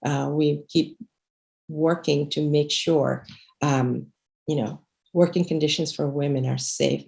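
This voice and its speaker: This middle-aged activist from Bangladesh has a low, darkish voice with vocal fry. Talking through her slides in a livestream from indoors at home, she speaks earnestly but often restarts and uses fillers, and the audio comes through a video call webcam.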